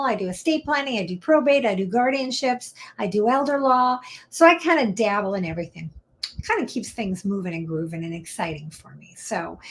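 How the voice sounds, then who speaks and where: A woman's voice: fairly high pitch, fairly bright tone. A woman attorney hosting her own live Q&A stream, talking in a chatty, upbeat way with the odd whispered aside. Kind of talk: casual live-stream talk.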